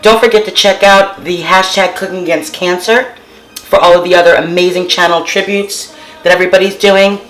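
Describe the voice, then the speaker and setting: A woman's voice: on the low side, steady tone, brisk, a bit bright, roomy sound, rough recording. Chatty woman hosting a home cooking video. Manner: chatty, keeps addressing viewers as guys. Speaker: cooking channel host. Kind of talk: casual cooking tutorial. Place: home kitchen.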